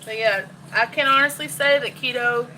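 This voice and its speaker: A woman's voice: on the high side, steady tone, normal speed, bright, forceful tone, a little hiss or hum, poor audio. Chatty woman vlogging while cooking. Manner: candid, chatty, emotional. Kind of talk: casual chat while cooking. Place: home kitchen.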